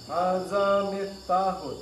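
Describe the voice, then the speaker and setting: A man's voice: high-pitched, fairly even intonation, slow pace. A male student hesitantly reading Arabic phrases aloud during a class.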